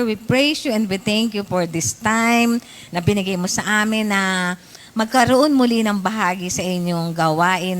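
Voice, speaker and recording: A woman's voice: medium pitch, a bit bright. A middle-aged woman leading a spoken prayer, earnest and devout. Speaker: prayer leader.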